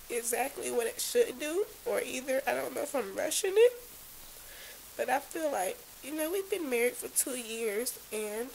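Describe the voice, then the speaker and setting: Woman, tearful after crying, drained venting, slightly high voice, confessional vlog, faint hiss. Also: creaky. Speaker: vlogger. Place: small bedroom, lying in bed. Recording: hissy, noisy home camera recording.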